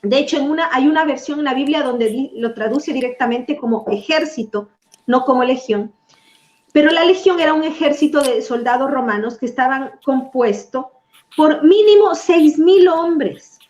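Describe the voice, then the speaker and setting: A woman preacher teaching from the Bible in a lively, conversational way, asking her audience questions. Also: sits high, moderate pace, echoey room, lo-fi sound.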